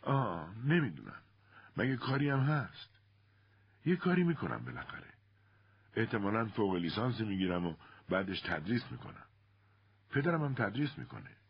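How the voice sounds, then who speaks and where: A man's voice: lowish voice, sing-song, creaky, pauses often, husky, no room sound, dull audio, pitched above the performer's own voice, heavily acted. A man voicing a nervous, tense young woman in a storybook reading, speaking in a strained, raised voice. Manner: strained, half-shouting.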